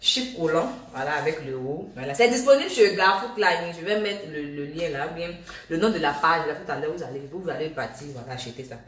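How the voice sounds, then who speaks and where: Young woman, casual live-stream talker, animated and repetitive; echoey room, phone mic at a distance. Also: deep voice, brisk, hardly any pauses. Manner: animated, repetitive, scolding then laughing. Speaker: social media personality. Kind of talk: casual live video to followers. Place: at home, indoors.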